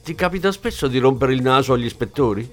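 A man's voice: mid-range voice, animated, fast, faint music behind, natural voice. Man doing a curt, irritated desk sergeant. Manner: curt, defensive. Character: irritated male desk sergeant at a police station.

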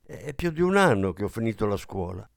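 A man voicing a young maid in an audiobook, speaking high and sharp, with a bitter edge. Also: sing-song, brisk, creaky, dry recording, clean studio sound. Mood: polite. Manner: high-pitched, cries out. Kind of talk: audiobook character reading.

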